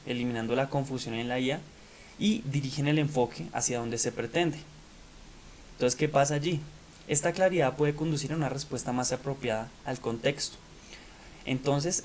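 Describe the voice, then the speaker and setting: A man's voice: medium pitch, a little hiss or hum, low-quality recording. A man giving a recorded online lesson, talking in a hesitant way with many fillers and restarts. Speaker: teacher.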